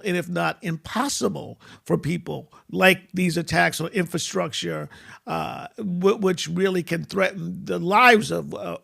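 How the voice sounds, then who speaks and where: Host: man, high pitch, heavy gravelly fry, measured and reflective questions. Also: fairly bright tone. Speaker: interview host. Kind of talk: conversational interview.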